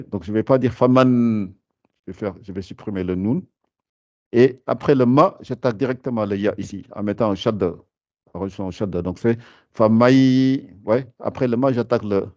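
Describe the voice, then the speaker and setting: Hesitant, gravelly-voiced male Quran reading teacher. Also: on the low side, darkish tone, no room sound, lo-fi sound. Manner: hesitant, many fillers and restarts; patient, repeats rules and reminders. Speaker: tajwid teacher. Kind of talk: live class explanation.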